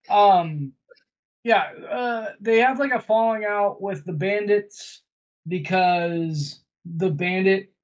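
Man, high-pitched, slow talker, meandering, lots of fillers, slightly muffled video call audio. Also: darkish tone. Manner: meandering plot recaps with many fillers. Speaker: podcast co-host reviewing films. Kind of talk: casual chat.

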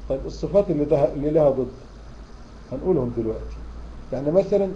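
Man, Egyptian accent, tajweed lecture, slightly high voice, quick speech, asks his students questions, muffled lo-fi recording. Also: expressive, a little hiss or hum. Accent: Egyptian Arabic. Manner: explains in a questioning, repeating style. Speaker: Quran recitation teacher.

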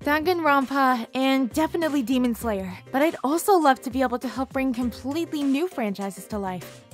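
A woman's voice: high voice, expressive, a little fast, faint music behind. A woman voice actor answering a fan question by thoughtfully listing her favorite franchises. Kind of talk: casual Q&A answers.

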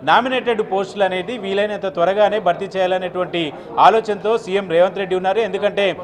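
A man in his thirties giving a live news report outdoors into a handheld mic, steady, with filler sounds between phrases. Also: high voice, quick pace. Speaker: field reporter. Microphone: handheld channel mic.

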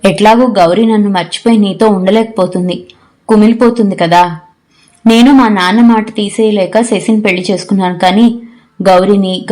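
A woman reading out a frank, teasing young man in an audio story, in a calm, explaining manner. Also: medium pitch, close to an everyday voice.

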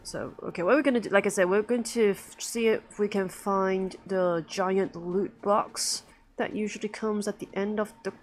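A woman casually commenting on her own gameplay. She thinks aloud as she plays, in a mid-pitched voice. Faint game sounds run underneath. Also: steady tone, normal speed, a little hiss or hum. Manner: chatty, thinking aloud while playing. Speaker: gamer, let's play host.

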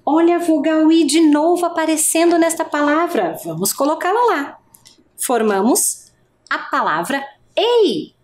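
A woman's voice: high-pitched, a little mellow. A woman teacher giving an adult literacy lesson, speaking patiently and stretching out each vowel sound.

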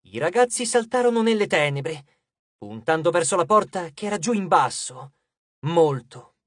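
Animated audiobook narrator, dry close sound. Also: medium pitch, moderate pace, dry recording. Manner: animated storytelling. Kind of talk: scripted narration.

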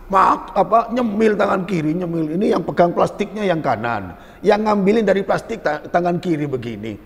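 High-voiced preacher, hall echo. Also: male voice. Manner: lively, joking, acts out little dialogues. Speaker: Islamic preacher. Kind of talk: religious lecture. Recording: long hall reverb.

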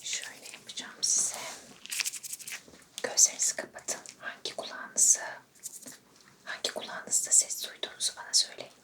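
A woman speaks entirely in a soft, breathy whisper as she plays a doctor in an ASMR exam roleplay. She gives slow, gentle instructions one step at a time. Her voice sits a little back from the microphone. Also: recorded from a distance.

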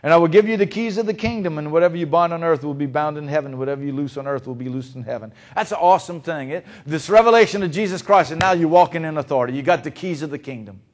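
A male pastor preaching a sermon, swinging between hushed, intimate lines and loud, emphatic ones. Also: on the high side, fast, few pauses. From Louisiana.

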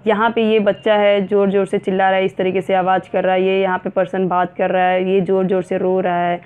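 A woman teaches a school science lesson at a middle pitch. She reads English lines slowly, then breaks them down in Hindi with many pauses and fillers. The recording is narrow and tinny, like a phone line. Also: flat delivery, smooth. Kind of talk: classroom lesson explaining a textbook.

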